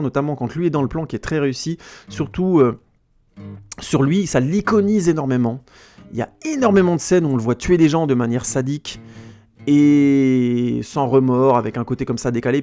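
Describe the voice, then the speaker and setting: A man talks through a film review in a loose, conversational way, wandering off on tangents and restarting his sentences. His voice sits at an ordinary middle pitch. Soft guitar music plays faintly behind him. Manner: chatty, digressive, with restarts and searching for words. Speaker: film critic podcast host. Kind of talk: casual spoken film review.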